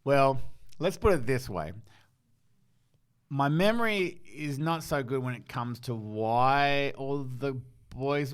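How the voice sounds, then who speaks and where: A man's voice: mid-range voice, clean tone. A man co-hosting a casual nostalgic chat, rambling and full of fillers, recorded in a library. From Tasmania, Australia. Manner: warm-hearted, rambling with fillers and restarts. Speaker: podcast co-host. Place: public library.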